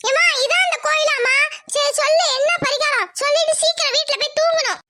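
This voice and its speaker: A woman's voice: very high-pitched, fast, heavy background noise, voice pushed up. A woman voicing a lazy, sleepy young village girl in a cartoon, whiny and drowsy.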